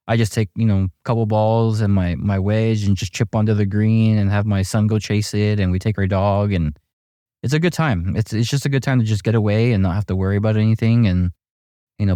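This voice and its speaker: A middle-aged man with a low, mellow voice talks easily, his words full of fillers and little restarts. The sound is dry and close, with no room around it. He tells his stories at an unhurried, conversational pace. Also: smooth, no room sound. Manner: relaxed storytelling with many fillers and restarts. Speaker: amateur golfer guest. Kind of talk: casual chat.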